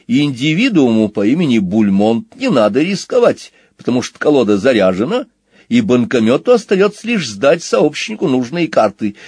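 A man voicing a talking machine that only tells the truth, speaking calmly, formally and matter-of-factly, in a storybook reading. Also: mid-range voice, breathy edge, no room sound, clean studio sound. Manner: calm, matter-of-fact, formal. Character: talking truth-telling machine box, calm and precise.

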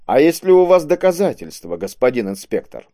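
A man voicing a sly, smooth-talking male cult preacher in an audiobook, mocking and falsely polite. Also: on the high side, very animated, brisk, warm tone, no room sound, studio quality, pitched above the performer's own voice. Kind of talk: audiobook character voice.

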